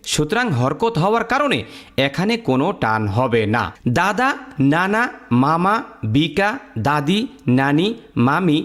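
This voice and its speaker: A man teaching Quran recitation rules step by step, drilling letter sounds in a sing-song, teacherly way. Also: high-pitched. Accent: Bangladeshi Bengali. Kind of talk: step-by-step lesson.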